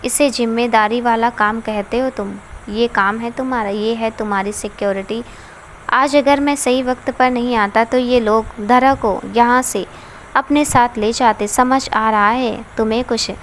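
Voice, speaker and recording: A woman's voice: fairly high pitch, fairly even intonation, a little slow, slight background noise, natural voice. A woman voicing a furious, domineering young man. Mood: angry scolding. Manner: harsh, scolding.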